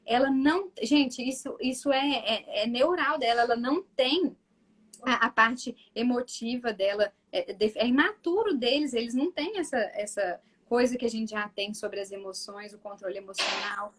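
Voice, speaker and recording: A woman's voice: fairly high pitch, normal speed. A woman from Brazil with a Minas Gerais accent, a mother talking on a live video call, acting out how she talks to her son. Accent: Minas Gerais Portuguese. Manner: animated, acts out talks with her son in a softer voice; frequent restarts and filler asides to viewers. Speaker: mother and guest on a live stream. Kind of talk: casual live-stream chat.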